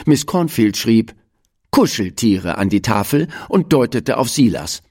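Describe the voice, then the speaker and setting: A narrator reading a children's story aloud in an expressive style, switching into voices for the characters. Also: mid-range voice, moderate pace, slightly rough. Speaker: audiobook narrator.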